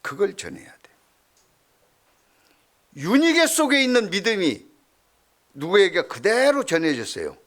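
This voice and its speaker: A middle-aged male pastor preaching a sermon, telling stories with swings from loud to hushed. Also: sits high, wildly swooping pitch, a little slow, long pauses.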